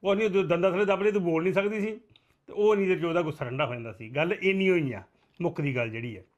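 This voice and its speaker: A man hosting a call-in talk show, speaking in a somewhat raised voice. He is friendly and lively, spinning folksy anecdotes and handling callers. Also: high voice, fast, muffled recording. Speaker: host.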